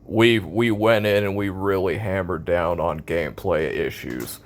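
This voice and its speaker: Deep-voiced American man ranting casually. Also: measured pace. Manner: blunt, cynical, sarcastic complaining. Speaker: video game commentator. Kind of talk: casual opinion rant about a video game.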